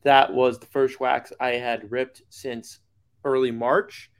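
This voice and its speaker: A man co-hosting a podcast in casual chat, with a dry, deliberate way of talking. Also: medium pitch, little pitch movement, clean tone. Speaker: podcast co-host.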